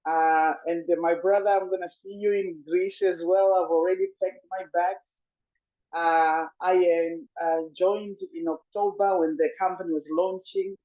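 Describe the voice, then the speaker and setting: A man's voice: high voice, fairly even intonation, measured pace, darkish tone, muffled recording. A man speaking from a hospital bed over a video call, upbeat and casual. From Zimbabwe. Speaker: business owner sharing a testimonial.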